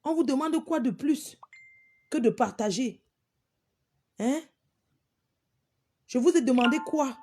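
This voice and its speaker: A woman's voice: high voice, takes it slowly, pauses often, mellow, a little hiss or hum. A woman hosting a live stream, scolding her viewers in an exasperated, repetitive way. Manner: exasperated, repeats herself, scolding.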